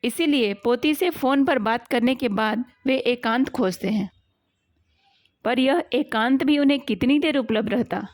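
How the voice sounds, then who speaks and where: A woman narrating a story at an unhurried, measured pace. Her voice sits fairly high and is recorded close and dry, with no room sound. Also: no echo. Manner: measured, calm reading.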